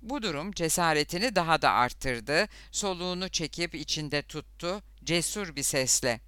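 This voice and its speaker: Crisp-voiced male audiobook narrator. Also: fairly high pitch, lively intonation, moderate pace, bright, forceful tone, no echo.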